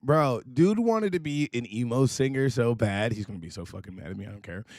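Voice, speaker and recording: A man hosting a livestream, reacting in casual, profane, animated commentary and laughing as he tells stories. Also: mid-range voice, a little fast, no room sound, studio quality. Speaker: livestream host.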